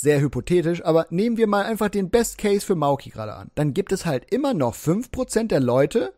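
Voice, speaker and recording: A German man with a slightly high voice walks through the details of online drama in a measured, explanatory way. The sound is close and dry, with no room around it. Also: a little mellow, no room sound. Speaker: commentary channel host. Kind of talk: drama commentary.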